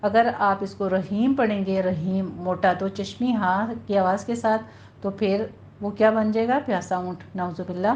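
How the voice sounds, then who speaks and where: A woman with a Pakistani Urdu accent teaching Quran recitation, patiently explaining each sound step by step and modeling it slowly. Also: medium pitch, fairly even intonation, a little mellow. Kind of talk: recorded tajweed lesson. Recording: muffled lo-fi recording with faint hiss.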